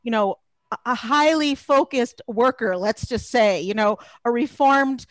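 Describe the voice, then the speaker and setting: A woman's voice: fairly high pitch, unhurried, no room sound. Chatty middle-aged woman coach, dry sound. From Los Angeles. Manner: warm, chatty, laughs often. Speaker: career coach, guest. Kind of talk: podcast interview.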